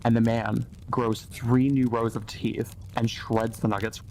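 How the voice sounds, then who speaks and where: A man's voice: mid-range voice, flat delivery, a little slow, darkish tone, slight background noise, poor audio. Goofy mock-dramatic male host. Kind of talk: joking storytelling.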